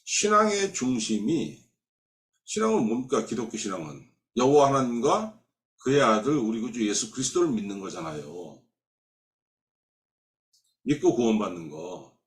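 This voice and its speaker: A male pastor delivering a Sunday sermon in a mid-pitched voice that rises and falls dramatically. He voices the people he quotes and drops suddenly to a hush. The sound is roomy, with the sanctuary echo. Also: very animated, moderate pace, pauses often. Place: church sanctuary.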